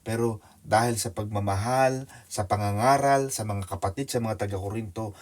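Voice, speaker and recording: A man's voice: on the low side, normal speed. Preacher man with wide dynamic swings. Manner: addresses listeners by name, mixes Tagalog and English; swings between loud excited telling and quiet hushed asides. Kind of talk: sermon with illustration story. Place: church.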